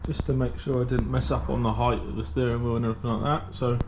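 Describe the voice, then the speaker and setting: A man with a British accent speaks fast with flat delivery in a mid-range voice against a noisy background. He's in a hot garage workshop building a race car for a casual vlog, rambling chattily with many fillers and a little out of breath from the heat.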